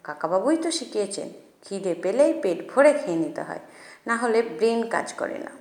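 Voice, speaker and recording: A woman's voice: mid-range voice, sing-song, moderate pace, darkish tone, roomy sound. Woman voicing a cheeky teasing teenage boy. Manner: teasing, cocky.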